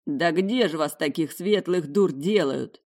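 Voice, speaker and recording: A woman voicing a rude young male necromancer who drawls his insults slowly. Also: deep voice. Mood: sneering. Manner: slow, sneering, contemptuous.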